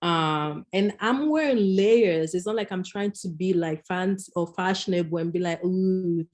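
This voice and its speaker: A woman's voice: lowish voice, normal speed, darkish tone. A woman from Nigeria, co-hosting a podcast in casual chat, telling stories emphatically and laughing often. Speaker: podcast co-host.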